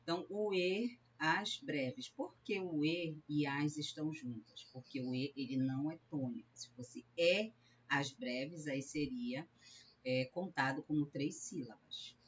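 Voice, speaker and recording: A woman from Brazil, a literature teacher giving a recorded lecture, explaining step by step and often tagging a questioning "né?" onto her sentences. She slows down to sound out syllables one at a time. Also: deep voice. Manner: sounds out syllables slowly when counting verse. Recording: slightly dull lecture recording with faint hiss.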